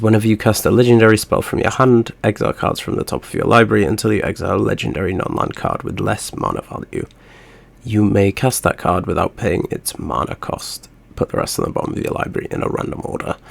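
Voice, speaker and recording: Guy w a blocked nose, low gravelly voice, chill rambly game chat. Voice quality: nasal. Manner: easygoing and chatty, rambling asides. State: congested, stuffy nose from a cold. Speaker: host. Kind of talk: casual gaming commentary.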